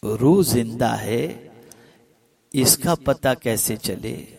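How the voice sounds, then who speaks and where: A man preaching a religious sermon. He stretches some phrases out slowly and builds others to loud, fervent peaks. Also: medium pitch, creaky, slightly rough, no echo. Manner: swells from slow, drawn-out phrases to loud impassioned peaks.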